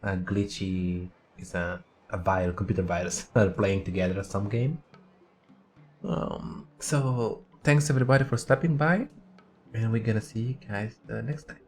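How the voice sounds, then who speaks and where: With faint music behind him, a man streaming a game keeps up casual chat and murmured asides about his play. He has a lowish voice, fairly even intonation and a moderate pace.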